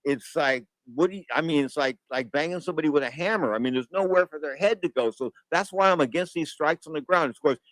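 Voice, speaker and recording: A man with a slightly high voice delivers an opinionated sports radio monologue. He is brash and slangy, speaking close into a studio microphone with a very dry sound. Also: fast, few pauses, fairly bright tone, dry recording, low-quality recording. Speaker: radio sports show host. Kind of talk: boxing talk radio monologue. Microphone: close studio broadcast microphone.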